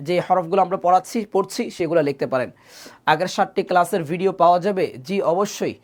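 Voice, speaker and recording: A man with a Bangladeshi Bengali accent teaching a live online Quran recitation class. He drills letter sounds slowly and reads out student comments. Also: sits high.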